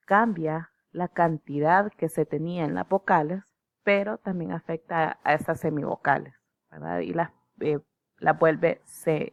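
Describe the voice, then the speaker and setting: A woman teacher, explaining slides in a measured lecture, checking in with her students as she goes. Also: fairly low pitch, vocal fry, darkish tone, no echo.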